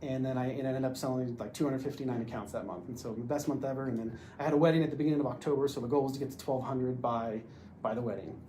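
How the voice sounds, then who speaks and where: A man talks quickly as a guest on a podcast, piling filler words into his sentences as he tells his own story. His voice sits at an ordinary middle pitch for a man, and the telling is casual and loose. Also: fairly even intonation, mellow, a little hiss or hum. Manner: rambling, lots of filler words. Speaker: podcast guest, door-to-door salesman.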